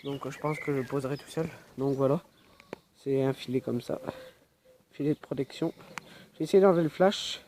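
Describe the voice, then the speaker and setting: A young man with a cold films his yard outdoors on his phone camera, vlogging casually and rambling with plenty of fillers. His mid-range voice has a darkish tone, and he talks briskly but pauses often. There's slight background noise.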